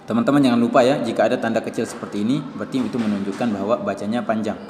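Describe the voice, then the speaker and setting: A man's voice: on the low side, steady tone, very fast, a little mellow, a little hiss or hum. A man with an Indonesian accent teaching Quran reading, methodically explaining the written signs step by step. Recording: reverberant hall with faint music.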